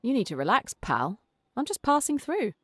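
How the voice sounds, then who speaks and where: A woman's voice: on the high side, sing-song, moderate pace, dry recording, studio quality. An actress with an English accent playing an inquisitive young woman investigator in a video game, probing and wry in manner.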